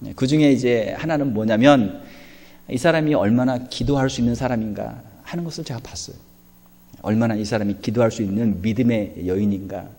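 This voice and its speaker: A man's voice: mid-range voice, a little fast, mellow. A male pastor preaching a sermon in a conversational style, full of rhetorical questions. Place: church sanctuary. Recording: reverberant church hall.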